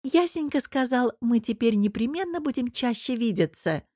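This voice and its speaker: A woman voicing a chatty, doting older aunt who coos and fusses in a high, loud voice, read in an audiobook. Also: lively intonation, moderate pace, no echo, clean studio sound. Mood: fussing. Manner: cooing, gushing, high and loud.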